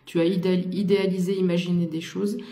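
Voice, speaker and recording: A woman's voice: fairly low pitch, little pitch movement, quick pace, mellow, echoey room. A woman giving a casual tarot reading to the viewer, talking with many fillers and restarts. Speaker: tarot card reader.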